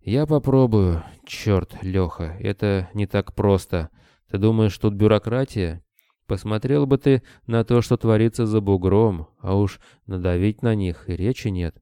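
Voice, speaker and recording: A man voicing a worried, wary bearded man who talks anxiously and gets excitable. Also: on the low side, unhurried, clean tone, no room sound, studio quality.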